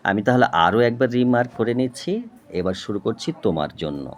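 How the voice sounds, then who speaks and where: Low-voiced patient male tutor. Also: animated. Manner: slow, patient, repeats "okay?" to check understanding; spells words out and breaks them into parts. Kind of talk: board lesson explaining English syllables.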